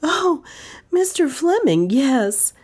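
A woman's voice: very animated, measured pace, mellow. A woman playing a desperate, fiery young heroine. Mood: anxious. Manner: high, pleading and urgent.

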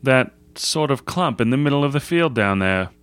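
A man's voice: medium pitch, lively intonation, moderate pace, a bit bright, clear, resonant tone, dry recording, voice pushed up, lightly acted. A man voicing a rude, headstrong British schoolboy Scout in a storybook, brusque and dismissive. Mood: curious, demanding. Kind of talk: storybook character voice.

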